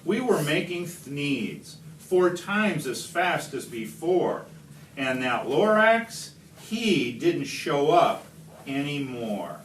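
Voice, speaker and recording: A man reading a rhyming picture book aloud expressively, with deliberate, emphatic phrasing and dramatic stresses. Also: on the high side, big pitch swings, a bit bright. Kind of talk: expressive storybook read-aloud in rhyme. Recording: distant mic, echoey room, background noise.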